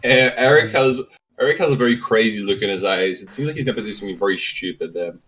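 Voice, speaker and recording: A man's voice: lowish voice, fast talker, fairly bright tone, low-quality recording. A man narrating as game master in a tabletop game, hesitant, with many ums and easy laughs. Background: faint background music.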